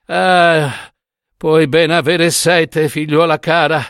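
Man voicing a coaxing old woman, high. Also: fairly even intonation, slow pace, a bit bright, clean tone, dry recording, studio quality. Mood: sympathetic. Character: gossipy old woman, wheedling.

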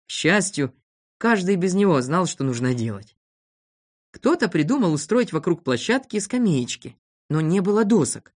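A woman narrating a children's audiobook with expressive storytelling. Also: on the low side, moderate pace.

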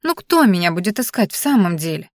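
A woman's voice: fairly low pitch, very animated, fairly quick, no room sound. A young female gnome schemes in a conspiratorial tone, as a woman reads her. The storybook recording is close and dry. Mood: sly.

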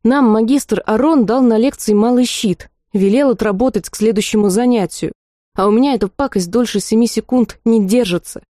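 A cheeky, feisty young student girl coaxing older boys for help, as a woman narrator reads her. The voice is mellow and warm, recorded dry and close. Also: on the high side, normal speed, no room sound, close to an everyday voice. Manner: pleading, cheeky.

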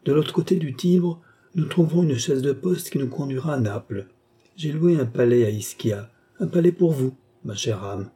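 A man's voice: medium pitch, animated, moderate pace, warm tone, pitched above the performer's own voice. A man doing a mocking young villain. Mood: possessive. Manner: mocking, smoothly menacing.

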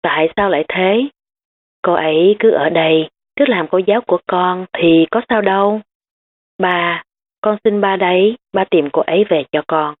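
A tearful little girl begs and pleads, read by a woman narrator. The voice stays low and close to the reader's own. The sound is thin and phone-like. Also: normal speed, dry recording, close to an everyday voice. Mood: pleading.

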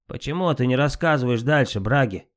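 A man's voice: mid-range voice, expressive, fairly quick, natural voice. A man reading an audiobook, voicing a spiteful, insolent male trickster god of fire who talks back with scorn. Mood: defiant, mocking. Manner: mocking, defiant.

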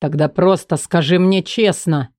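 A woman's voice: lowish voice, fairly even intonation, a little slow, a little mellow, no echo, studio quality, natural voice. A woman voicing a desperate young man in an audiobook, speaking in an urgent, insistent way. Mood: angry insistence.

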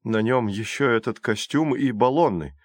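A man voicing a good-humoured, courteous gentleman who jokes gently. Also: mid-range voice, moderate pace, slightly rough, no room sound, clean studio sound, lightly acted. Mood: strained, reporting.

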